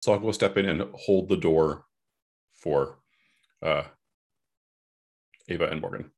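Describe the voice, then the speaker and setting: A man with a very low voice, playing his character in a tabletop game. His tone is husky, and he often eases in hesitantly before speaking. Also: unhurried, a little mellow. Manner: hesitant, starting with fillers. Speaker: player.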